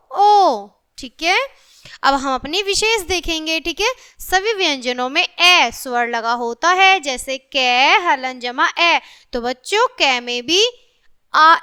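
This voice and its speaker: A woman teaches a children's grammar lesson in a high, bright voice. She takes it slowly and patiently, turning to the children again and again. She drops numbers into her talk. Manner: slow, patient, addressing children often; mixes English numbers into Hindi.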